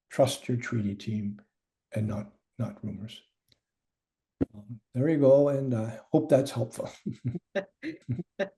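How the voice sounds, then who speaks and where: Presenter, male, dark gravelly voice, earnest and repetitive, emphatic lists. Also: mid-range voice. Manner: earnest, repeats key points with stumbles. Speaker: chief negotiator. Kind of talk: panel presentation.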